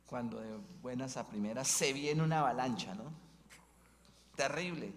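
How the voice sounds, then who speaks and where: A man's voice: medium pitch, normal speed. A man from Colombia, a bishop preaching an Advent mission sermon. He tells stories as he preaches and keeps tagging his sentences with questions to the congregation. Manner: storytelling preacher, leans on tag questions. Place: church. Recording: long church reverb.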